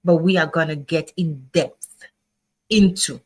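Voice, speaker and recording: A woman hosting a live-streamed roundtable, urging listeners slowly and insistently. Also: deep voice, a little mellow, poor audio. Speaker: host, workshop organizer. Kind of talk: roundtable discussion.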